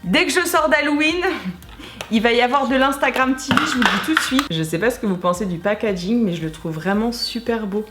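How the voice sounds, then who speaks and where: A woman's voice: fairly high pitch, a little fast, over loud music. A woman in her thirties chatting casually and enthusiastically as she unboxes beauty products, gushing over each one. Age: 30s. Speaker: beauty vlogger. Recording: echoey room, faint noise.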